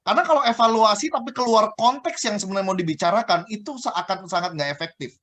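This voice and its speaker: A man, a guest trainer on a radio talk show, explaining communication with lively examples. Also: high-pitched, quick pace. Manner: lively explaining, acts out scolding boss voices.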